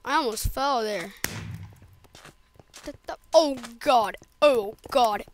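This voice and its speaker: A woman giving casual gameplay commentary, excitable and yelping and groaning at the game. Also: on the high side, slow pace, noisy background. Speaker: gaming channel host.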